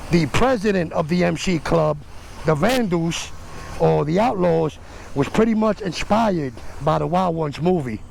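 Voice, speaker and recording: A man's voice: on the high side, lively intonation, a little slow, vocal fry, darkish tone, slight background noise, poor audio. A man giving casual, easygoing motovlog commentary, speaking from inside a helmet. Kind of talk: casual vlog commentary while out riding. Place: outdoors on city streets, motorcycle.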